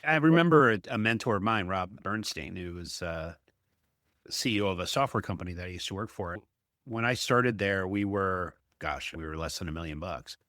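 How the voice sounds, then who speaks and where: A fairly deep-voiced man, an apartment investor, hosts a business podcast at normal speed with a pushed, bright tone. He talks conversationally and emphatically, telling anecdotes and ending points with a questioning "right?". The audio is very dry, with no room sound at all.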